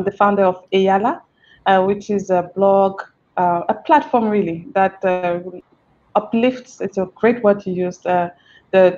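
Woman from Cameroon, guest on a video call, headset mic, dull muffled sound, lots of ums and restarts. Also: mid-range voice. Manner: warm, animated, many fillers and restarts. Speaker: interview guest, feminist strategist. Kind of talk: casual video-call interview. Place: indoor room with a plain wall.

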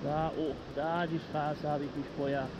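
A man in his thirties filming himself at arm's length, chatting in a relaxed way with dry humor as he travels outdoors and by car. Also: a little high, normal speed, lo-fi sound, background noise. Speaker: travel vlogger. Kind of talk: casual travel vlog. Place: outdoors on a coast and mountain viewpoint, later in a car. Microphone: camera held at arm's length. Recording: music laid under the voice. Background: background music.

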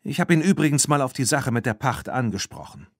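A man's voice: medium pitch, animated, fairly quick, no room sound, clean studio sound, voice pushed up. A man voicing a friendly, easygoing young boy in an audiobook, in a light, upbeat voice. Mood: cheerful. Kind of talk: audiobook character voice.

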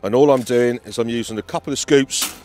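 Out on a lake bank, this British presenter of a fishing feature gives instructional talk to camera as an angler. He speaks with a British accent in a brisk, mid-range voice that is a little mellow.

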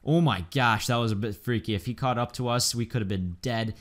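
A man's voice: medium pitch, fairly quick. A man giving casual, chatty let's-play commentary, upbeat and full of ums and likes. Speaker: gaming YouTuber.

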